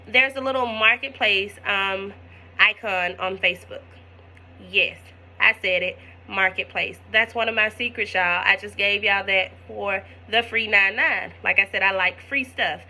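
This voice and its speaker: A woman's voice: mid-range voice, steady tone, a little slow, sharp tone. A woman, teaching real estate wholesaling in a chatty, folksy tutorial vlog with asides to her viewers.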